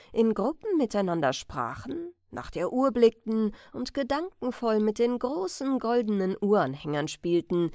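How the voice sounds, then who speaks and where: A woman reading a bedtime audiobook in a calm, measured narration. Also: medium pitch, gravelly, no echo, clean studio sound. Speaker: audiobook reader.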